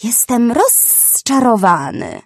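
A woman's voice: on the high side, very animated, husky, no echo, studio quality, pitched above the performer's own voice, heavily acted. Figure: a woman doing a greedy male snake. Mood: disappointed, lecturing. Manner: slow, drawn-out, hissing threats. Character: greedy, pompous male jungle snake, menacing.

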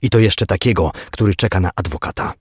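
A man's voice: lowish voice, quick pace, breathy edge, dry recording, studio quality, voice pushed up. A man doing a stern, scolding police lieutenant. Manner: scolding, forceful.

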